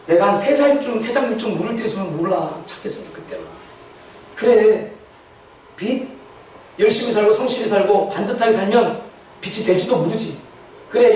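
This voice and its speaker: A man's voice: high-pitched, darkish tone. Man, pastor, sermon testimony, repeats words for emphasis, distant mic, faint background noise. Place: church sanctuary. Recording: echoey church hall from far off.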